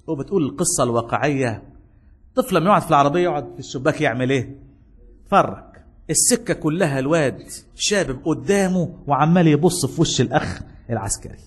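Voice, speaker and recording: Husky Egyptian preacher, high-voiced. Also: male voice. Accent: Egyptian Arabic. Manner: animated, calls out questions to the congregation. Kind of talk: sermon with storytelling.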